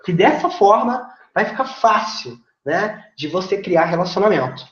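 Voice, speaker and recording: Brazilian male sales coach, chatty lesson, animated delivery, echoey room. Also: high-pitched, normal speed. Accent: Brazilian Portuguese. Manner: chatty, persuasive, explanatory. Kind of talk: casual video lesson. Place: seated indoors facing camera. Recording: roomy dull lo-fi recording.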